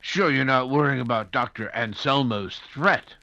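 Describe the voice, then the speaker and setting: A man's voice: mid-range voice, moderate pace, sharp tone, no echo, muffled recording. A man playing an anxious, fussing doctor and loyal sidekick in an old-time radio detective drama, with a stammering, flustered delivery. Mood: concerned, fussing.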